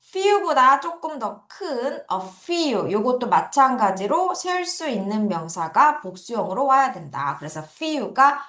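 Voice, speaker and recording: A woman's voice: fairly high pitch, very animated, slow pace, hardly any pauses, fairly bright tone. A woman teaching an online English lesson, coaxing students to repeat words after her. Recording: echoey room.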